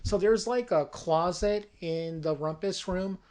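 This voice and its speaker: A storyteller pitches a comic horror movie in a slow, deliberate way. The narration is dramatic, with a middle pitch, and builds tension as it goes. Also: a little mellow.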